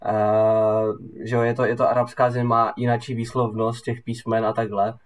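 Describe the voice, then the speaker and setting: A man co-hosting a casual football chat, telling stories slowly with lots of fillers. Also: medium pitch, recorded from a distance. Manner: relaxed, drawn-out storytelling with many fillers. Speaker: football podcast co-host.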